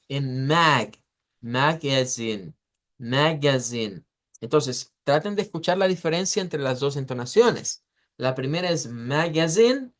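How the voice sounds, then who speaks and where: A man teaching an English pronunciation class, explaining step by step and slowing down to model words syllable by syllable. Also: fairly high pitch. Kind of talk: online class lecture.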